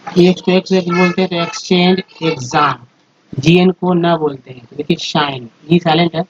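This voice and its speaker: A man with a fairly high voice teaches English phonics from slides, repeating each sound patiently and often turning to his viewers as friends. The audio is dull and slightly lo-fi, with a faint hiss underneath. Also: steady tone, normal speed. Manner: repetitive, step-by-step explaining, addresses viewers as friends. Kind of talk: slide-based phonics lesson.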